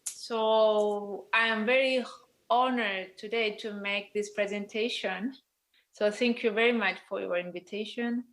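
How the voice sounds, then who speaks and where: A woman, a landscape designer, giving a careful, measured conference presentation with some hesitations. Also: mid-range voice, fairly even intonation, a bit bright, a little hiss or hum. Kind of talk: formal conference talk.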